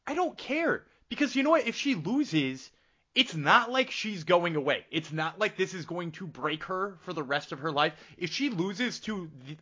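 A man with a bright, forceful voice pitched a bit high hosts a casual sports show. The sound is slightly dull and lo-fi. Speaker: sports podcast host and interviewer.

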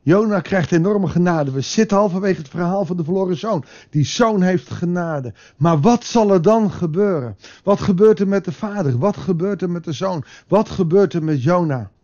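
Male devotional speaker, slightly high voice, calm reflective delivery with pauses; dull lo-fi recording. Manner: calm, reflective, pausing, rhetorical questions. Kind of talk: daily Bible meditation.

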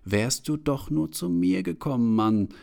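A man's voice: mid-range voice, lively intonation, unhurried, creaky, dark tone, voice pushed up. A man voicing a mysterious stranger who hides in a shaft and whispers to the narrator. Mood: secretive. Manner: whispering, secretive.

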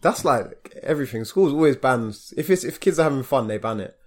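A man's voice: medium pitch, animated, a little fast, a little mellow. A young man with a London roadman accent, bantering casually with a friend in heavy street slang. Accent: London roadman (Multicultural London English).

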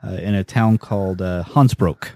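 A man hosting a podcast in relaxed, casual conversation, leading the talk. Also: low voice, normal speed, dry recording, clean studio sound. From United States. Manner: easygoing, leads the conversation. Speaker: podcast host.

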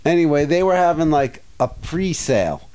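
A man with a smooth, resonant voice chats on a podcast. He rambles through stories and breaks into little acted asides along the way. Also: fairly high pitch, very animated, normal speed, dark tone. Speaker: podcast co-host. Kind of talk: casual chat.

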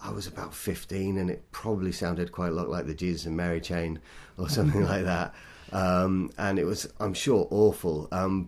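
Guy with a really low voice, poet being interviewed, thoughtful and a bit self-deprecating. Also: a little mellow. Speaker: poet guest. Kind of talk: interview conversation.

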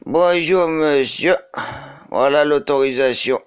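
A man voicing a tired, stubborn middle-aged cleaning lady who pleads in a drawn-out, swooping way. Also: on the high side, clear, resonant tone, lo-fi sound, voice pushed up. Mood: pleading.

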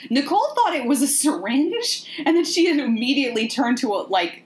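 A woman's voice: high-pitched, big pitch swings, a little fast. A woman hosting a podcast, recapping a horror movie in a rambling, joking way. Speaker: podcast host. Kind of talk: casual movie recap chat.

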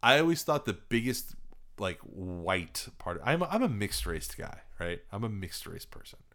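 Man, podcast host, casual chat, low pitch, sardonic, swears freely. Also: sing-song, a little slow, pushed and bright. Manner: joking, profane, sardonic.

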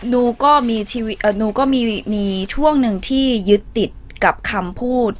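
Young Korean-accented woman, high voice. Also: normal speed. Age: young adult. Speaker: guest. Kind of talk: casual chat.

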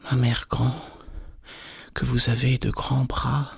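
A man voicing a naive, eager little girl in a storybook reading, lifting his voice higher and talking quickly. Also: monotone, creaky, slightly rough, heavily acted. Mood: wondering. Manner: raised, quick and chirpy.

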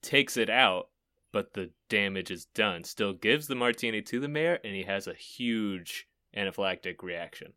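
Low but bright smooth voice, guy on a comedy podcast, deadpan. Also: normal speed, no room sound, clean studio sound. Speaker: podcast co-host. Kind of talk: casual improv podcast chat.

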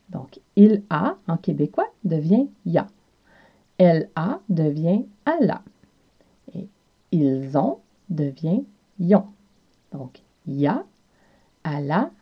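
A woman with a Quebec French accent hosts a language lesson podcast. Her voice sits a little low, and she enunciates carefully like a teacher modelling phrases. The recording is slightly dull and lo-fi. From Quebec, South Shore of Montreal. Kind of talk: scripted language lesson with repeated practice phrases.

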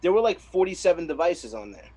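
Male podcast co-host, a touch high-pitched, loose rambling storyteller who laughs a lot. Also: sing-song, quick pace, dark tone, breathy edge, poor audio. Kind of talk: casual banter on a comedy podcast. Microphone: remote call.

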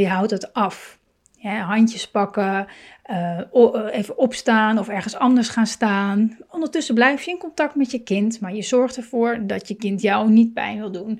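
Gentle woman giving calm parenting advice. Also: a little high. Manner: gentle, many fillers and restarts, soft laughs. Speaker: parenting coach.

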